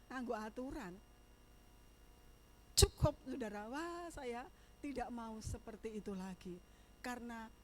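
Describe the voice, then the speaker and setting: A woman's voice: fairly high pitch, a little hiss or hum. An older woman giving a sermon testimony, moving from fervent preaching into chatty storytelling. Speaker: church minister.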